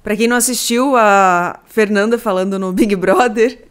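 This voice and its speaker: A woman's voice: mid-range voice, normal speed, clear, resonant tone. A woman hosting a podcast, chatting casually and summarizing a film plot, with acted quotes. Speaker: podcast host.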